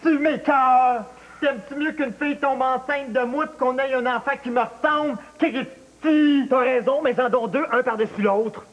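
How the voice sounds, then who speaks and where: A man's voice: very high-pitched, steady tone, normal speed. A man playing a sulky, foul-mouthed rebellious teenage boy in a comedy sketch. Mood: sulky disgust.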